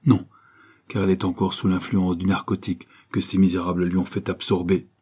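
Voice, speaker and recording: A man reading a loyal young brother who reports back in quick, plain sentences. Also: deep voice, level tone, mellow, breathy edge. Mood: reporting.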